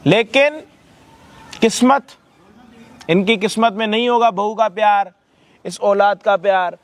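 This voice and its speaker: A man's voice: high voice, unhurried, no room sound. A male host staging a street confrontation, scolding and mocking with abusive words.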